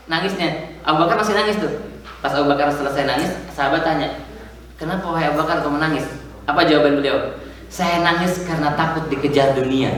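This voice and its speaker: A man's voice: sits high, bright, forceful tone. A man preaching a casual sermon in a mosque, joking and quizzing the congregation. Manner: chatty, jokes and quizzes the congregation. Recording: very echoey room, far from the mic.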